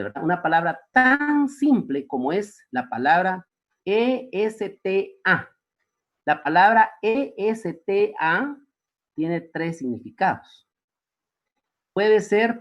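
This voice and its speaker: A male teacher gives a classroom lecture, his pitch swooping up and down as he peppers the students with questions. The recording sounds dull and lo-fi. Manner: rhetorical questions, frequent tag questions.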